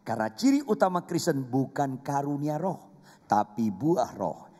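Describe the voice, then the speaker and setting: A man's voice: medium pitch, big pitch swings, unhurried, dark tone, husky. A man with an Indonesian accent, a pastor preaching an emphatic, humorous sermon that repeats phrases for effect. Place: church. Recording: long reverb of a church hall.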